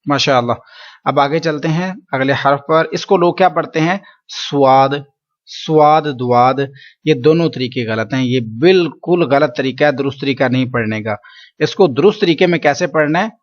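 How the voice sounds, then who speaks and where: A man teaching Quran letter pronunciation, patiently explaining and drawing each sound out slowly for students to repeat. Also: a little high, lo-fi sound. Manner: slow drawn-out letter drills, patient explaining. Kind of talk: pronunciation lesson.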